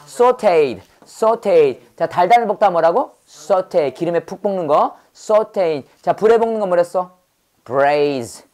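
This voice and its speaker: A woman teaching English vocabulary in a brisk call-and-response drill. She fires off quick questions and repeats each word over and over. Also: lowish voice, animated, a little mellow.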